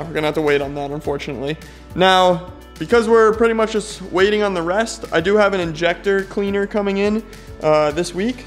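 A man casually vlogging a car build from his home garage, laid-back and slangy, thinking aloud with easy fillers. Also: high voice. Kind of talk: casual chat to camera.

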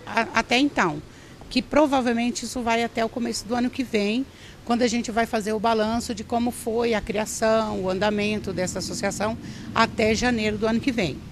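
Interviewed for TV news at an indoor craft fair, a middle-aged woman who organizes a craft association rambles and restarts often while speaking into a handheld reporter mic. Her voice is fairly high, with a little hiss or hum.

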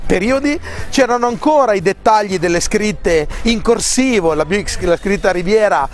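A man's voice: sits high, expressive, normal speed. A man in his fifties presenting a classic car, talking with passion in a chatty, rambling way. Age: 50s. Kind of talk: enthusiastic on-site car commentary.

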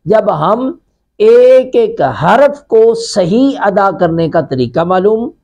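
Middle-aged Pakistani man, fairly high voice, patient recitation teacher for an online lesson. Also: expressive, darkish tone, dull audio. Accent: Pakistani Urdu. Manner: slow drawn-out syllables, then quick explanations. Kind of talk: online lesson, spelling out Arabic letters and sounds.

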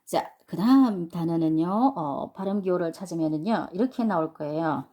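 A woman's voice: on the low side, expressive, moderate pace, mellow. A woman teaching English pronunciation to adult learners, explaining step by step and often asking the class questions. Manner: patient, repeats and asks the class questions.

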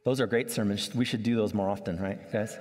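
Animated preacher in a reverberant church. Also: male voice, fairly low pitch, a little fast. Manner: animated, conversational, acts out little scenes. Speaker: pastor. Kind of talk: sermon. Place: church sanctuary, large room. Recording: long church hall reverb.

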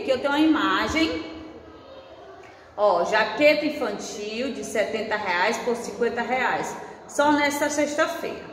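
Woman teacher for young children, high voice, slow pace, patient, spells out syllables; echoey room. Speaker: first-grade teacher. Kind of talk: recorded online class lesson. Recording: echoey room with faint noise.

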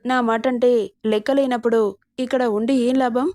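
A woman's voice: fairly high pitch, flat delivery, moderate pace, a little mellow, dry recording, studio quality, close to an everyday voice. A woman voicing a short-tempered young husband who speaks curtly in a storybook romance. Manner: curt, cold.

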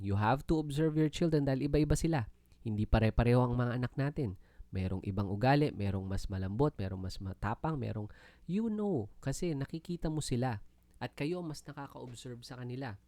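A man's voice: mid-range voice, animated, brisk, mellow, dry recording. A Filipino man with a Filipino accent giving an earnest, polite Bible teaching talk in mixed Tagalog and English. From Philippines. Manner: earnest, polite, often uses "po" and "no?".

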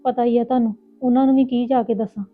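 Woman acting outspoken big sister, punjabi accent, rapid talk, highish voice, tinny phone-like sound, faint music. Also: steady tone, lightly acted. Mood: indignant. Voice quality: fast, outspoken, indignant. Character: indignant elder sister, outspoken and quick. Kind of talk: village family drama acting.

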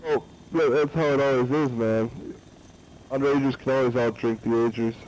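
A man's voice: medium pitch, fairly even intonation, moderate pace, a little mellow, slight background noise, rough recording. Young guy in his twenties, mid voice, easygoing game-chat banter. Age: 20s. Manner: easygoing, chuckling.

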